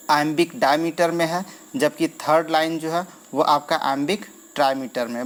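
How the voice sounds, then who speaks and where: A man teaching verse scansion in an exam-prep lesson, counting feet aloud and stretching stressed syllables, with frequent okay fillers. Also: fairly high pitch.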